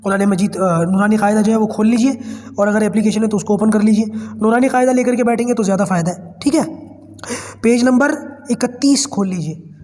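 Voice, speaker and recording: Male Quran teacher, Pakistani Urdu accent, has a cold, high voice, reverberant room. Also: dark tone. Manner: patient, slow spelling-out drills. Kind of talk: online class lesson.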